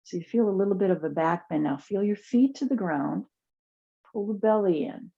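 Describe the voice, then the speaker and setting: A woman teaching chair yoga, guiding movement and relaxation in a soft, soothing, unhurried way with pauses. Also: medium pitch, gravelly, muffled recording. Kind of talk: guided yoga class and relaxation.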